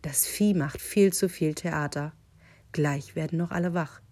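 A woman voicing a hungry, falsely polite male wolf who speaks in a put-on deep voice with a lisp. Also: a little slow, darkish tone. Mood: sly. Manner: mock-polite, scheming. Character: smooth-talking hungry male wolf, sly.

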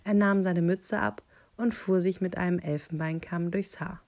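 A woman reading a children's picture book aloud, with calm, deliberate storytelling. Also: on the low side, vocal fry.

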